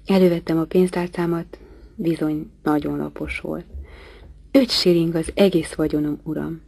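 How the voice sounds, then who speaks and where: A woman reading a novel aloud as an audiobook, in a measured, quiet and plain manner. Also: low-pitched, fairly even intonation, creaky, no echo. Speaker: audiobook reader.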